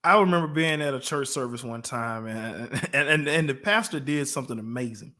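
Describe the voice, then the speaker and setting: A man co-hosting a motivational talk show, telling everyday stories and acting out quotes with lively energy. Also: medium pitch, a little fast. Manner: storytelling with lively acted-out quotes. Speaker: co-host.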